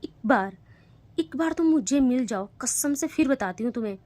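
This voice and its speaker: A woman doing a furious, shouting young woman. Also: high voice, lively intonation, moderate pace. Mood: threatening. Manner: shouting, demanding.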